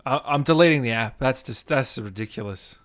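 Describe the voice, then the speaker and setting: A man's voice: medium pitch, brisk, a bit bright. A man co-hosting a casual film podcast, reacting to ratings with exaggerated, mock-outraged disbelief. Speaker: podcast co-host. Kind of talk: casual comedic banter. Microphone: podcast mic, remote recording.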